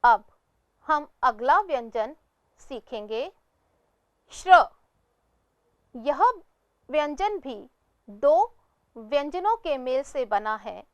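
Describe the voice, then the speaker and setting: A woman teaching a lesson in scripted narration, sounding out each syllable slowly and asking the pupils questions that she answers herself. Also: high-pitched, lively intonation, dry recording. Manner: slow, deliberate syllable-by-syllable pronunciation.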